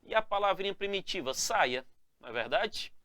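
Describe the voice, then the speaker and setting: A man teaching a spelling lesson with lots of energy, calling his viewers "galera" and checking in with "né?" and "tá?" after each point, and drawing out key words slowly to stress them. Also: sits high, no echo. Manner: energetic, calls the viewers "galera" and "moçada", ends phrases with "né?" and "tá?". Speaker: Portuguese grammar teacher. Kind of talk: lively spelling lesson to camera.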